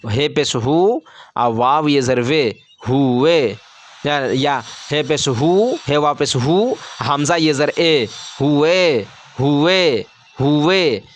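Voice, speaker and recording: Slow, careful man spelling out words. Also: a little high, expressive, slight background noise. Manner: spells words letter by letter, then reads them slowly and drawn out. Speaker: Urdu reading teacher. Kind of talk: slow spelled-out reading lesson.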